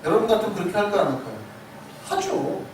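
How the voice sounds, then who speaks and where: Male pastor preaching with animated storytelling; picked up from far off, with room noise. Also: high voice, quick pace. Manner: animated storytelling, acts out quoted voices. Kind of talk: sermon. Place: church sanctuary. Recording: echoey sanctuary, distant mic, noisy.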